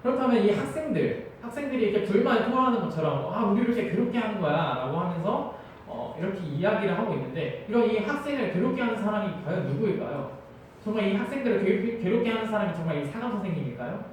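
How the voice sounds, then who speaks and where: A man's voice: high-pitched, expressive, quick pace, a little hiss or hum. A man in his twenties preaching a sermon as an evangelist, telling stories earnestly with frequent hesitation sounds. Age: 20s. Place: large church hall. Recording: very echoey church hall, mic far off.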